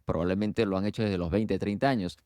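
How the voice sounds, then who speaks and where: A male doctor hosts the conversation, posing questions and summing up points in an explanatory way. His voice is fairly low and comes across close and dry. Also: fairly even intonation, quick pace, darkish tone, no echo. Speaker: physician host. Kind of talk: conversational interview.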